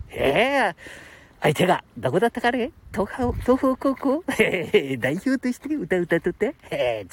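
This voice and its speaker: A man's voice: high voice, breathy edge. A man in his late seventies from Aichi, chatting and reminiscing with chuckles on a live stream in Aichi dialect. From Aichi, Japan. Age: 70s. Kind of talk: casual live-stream chat.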